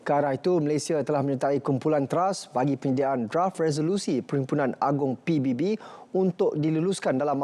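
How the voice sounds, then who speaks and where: A man's voice: fairly high pitch, darkish tone. A man reading parliamentary news in a formal studio newsreader delivery. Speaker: news presenter.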